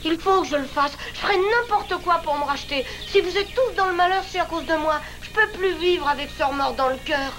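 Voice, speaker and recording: A woman's voice: extremely high pitch, a little fast, hardly any pauses, music in the background. A woman voicing a remorseful young boy in a French cartoon dub, talking in an urgent, pleading way.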